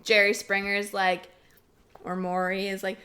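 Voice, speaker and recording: Young canadian girl cohost, super bright sharp voice, laughy and excited. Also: mid-range voice, a little slow. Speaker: podcast co-host. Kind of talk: casual chat.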